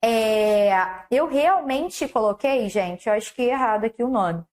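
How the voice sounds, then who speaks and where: Woman, high-pitched, explains a lesson step by step with questions to the viewer, collar mic. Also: measured pace, a little mellow. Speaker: teacher. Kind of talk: online lesson on verse. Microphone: clip-on mic on her collar.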